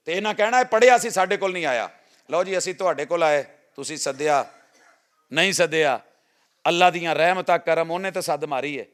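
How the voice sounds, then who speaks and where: A male preacher with a Punjabi accent delivers a sermon in a smooth, resonant voice that sits fairly high. He tells stories and moves between loud, urging calls and soft, hushed passages. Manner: storytelling with swings from loud exhortation to soft hushed tones.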